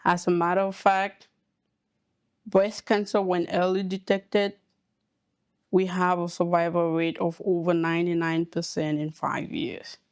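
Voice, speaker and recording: A woman from Cameroon, a hematologist oncologist, giving slow, measured explanations with pauses in a podcast interview. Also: fairly low pitch, level tone, clear, resonant tone, no room sound.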